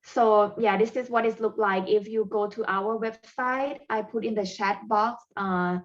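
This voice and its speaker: In a muffled recording, a woman whose first language is Thai walks a webinar audience through parent coaching strategies. Her Thai-accented, mid-range voice stays steady, though she frequently pauses, reaches for fillers, and uses non-native phrasing.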